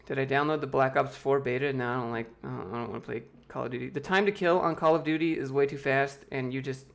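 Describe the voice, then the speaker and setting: This American YouTuber, speaking from a room at home into a desk mic, has a medium-pitched, steady voice that's creaky and fairly bright. He reads chat questions aloud and handles them offhand in a loose, joking livestream Q&A, slipping quick jokes between responses.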